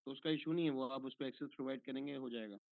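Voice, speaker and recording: A man's voice: mid-range voice, steady tone, racing, gravelly, no room sound. A man teaching an online course over a call, patiently answering a student's questions step by step and checking in after each point, heard through a tinny phone-like line.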